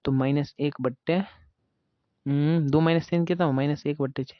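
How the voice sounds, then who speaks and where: Chatty math teacher, dull dry sound. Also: male voice, fairly high pitch, fairly even intonation, normal speed, no echo. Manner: chatty, asks and answers his own questions. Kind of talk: casual classroom lesson.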